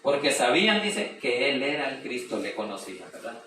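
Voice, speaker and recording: A man preaching at a Bible study, reading scripture slowly and loudly, then explaining it with questions to the group. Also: mid-range voice. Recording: echoey room, mic far off, noisy.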